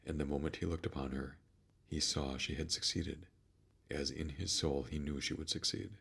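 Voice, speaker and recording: A man with a deep, firm, gravelly and husky voice reads a classic story in a soothing, measured storytelling style. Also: steady tone, a bit bright. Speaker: narrator.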